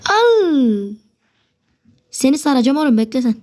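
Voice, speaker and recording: A woman's voice: a little high, moderate pace. A woman giving live gameplay commentary, swearing at opponents and getting worked up, sometimes dropping to a whisper. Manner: excitable, swears a lot, talks to opponents; drops to a whisper at times. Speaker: gamer.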